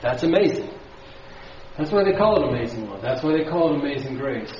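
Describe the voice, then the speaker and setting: A man's voice: medium pitch, lively intonation, fairly quick, darkish tone, a little hiss or hum. A man preaching a sermon as pastor to a congregation, asking them questions and building emphasis. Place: church sanctuary. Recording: dull, very echoey hall from far off.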